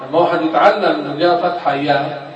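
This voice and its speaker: A man teaching Quran recitation, explaining patiently and sounding out each example slowly. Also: fairly high pitch, steady tone, a little hiss or hum. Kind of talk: classroom instruction. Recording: distant, echoey, muffled room recording.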